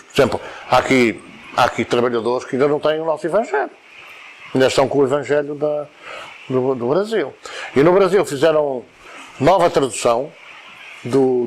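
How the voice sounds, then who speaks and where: A man's voice: mid-range voice, a little hiss or hum. A man with a European Portuguese accent giving an informal spoken lecture to a study group, wandering between points, repeating words and explaining with examples.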